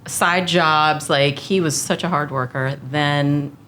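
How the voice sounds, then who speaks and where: A woman in her forties from the United States, a podcast guest, tells her life story in an earnest, reflective way with frequent fillers during a casual conversational interview. Her voice is deep, steady, slow, and fairly bright, with a little hiss or hum.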